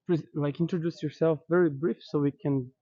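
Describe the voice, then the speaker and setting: Halting man asking questions from off-mic. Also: a little high, fairly even intonation, no room sound. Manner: halting, searching for words. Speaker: interviewer, school founder. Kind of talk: casual interview questions. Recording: distant, muffled mic.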